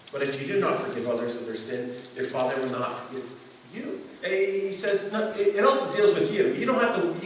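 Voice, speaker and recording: Pastor preaching in an echoey hall. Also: male voice, medium pitch. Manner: conversational, self-deprecating, repeats words when restarting. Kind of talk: sermon. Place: church sanctuary. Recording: echoey room, distant mic, faint hiss.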